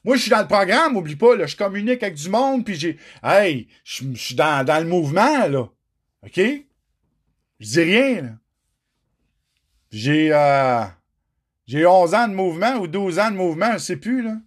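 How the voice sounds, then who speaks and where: A middle-aged man with a Quebec French accent tells his own story straight to the viewers in a raw, emotional monologue, swearing often. His voice is high and sing-song, at a normal speed.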